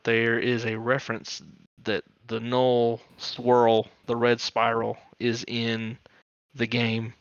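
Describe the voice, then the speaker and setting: A man's voice: medium pitch, dry recording, highs cut off. A man co-hosting a podcast, chatting casually and eagerly about comic book stories. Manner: excitable fan, talks fast with many fillers. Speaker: podcast co-host. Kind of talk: casual chat.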